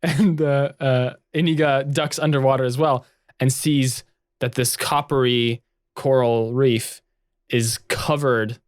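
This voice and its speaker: A man narrating his part in a comedic tabletop game with halting, filler-heavy delivery. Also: medium pitch, steady tone, clear, resonant tone, no room sound, studio quality. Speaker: player and storyteller.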